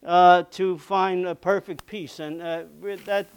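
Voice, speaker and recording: A man's voice: sits high, fairly even intonation, a little slow, clear, resonant tone. A man preaching a sermon in an earnest, conversational way, often checking in with "okay?", and saying he is losing his voice.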